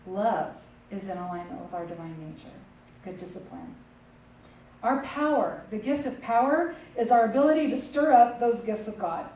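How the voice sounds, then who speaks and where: A woman's voice: fairly high pitch, mellow. Minister woman, distant in echoey church. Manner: conversational, often asking "okay?" and "right?". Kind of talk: sermon. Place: church sanctuary. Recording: distant echoey room mic.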